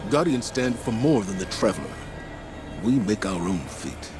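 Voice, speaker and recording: A man playing a weary, remorseful veteran commander in a video game, solemn and measured, with halting, dignified delivery. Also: lowish voice, big pitch swings. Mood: firm, solemn. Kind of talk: dramatic video game acting. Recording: cinematic music behind. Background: music.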